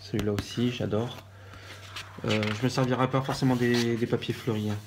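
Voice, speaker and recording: A man from France with a French accent, chatting casually in a craft haul vlog and pausing often with fillers and restarts. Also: medium pitch, fairly even intonation, background noise. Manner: hesitant, many fillers and restarts. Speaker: vlogger.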